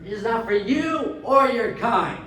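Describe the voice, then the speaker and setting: A haughty, arrogant magistrate sneers in a high, pompous voice. The radio-drama sound is very echoey and heard from a distance. Faint noise lies underneath. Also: male voice, animated, measured pace. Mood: scornful. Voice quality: pompous, scornful. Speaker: actor.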